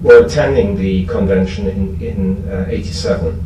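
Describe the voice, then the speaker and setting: With a dark, low, steady voice and a German accent, a man addresses a recovery fellowship convention, recalling the past in an informal, halting way. His humour is dry and turned against himself. Sound comes from a distant microphone in an echoey room filled with noise and listeners.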